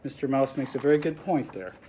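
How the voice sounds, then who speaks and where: A man's voice: mid-range voice, lively intonation, fast talker, dark tone, slight background noise. A man reading a picture book aloud to children, explaining the pictures with friendly asides. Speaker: storybook reader.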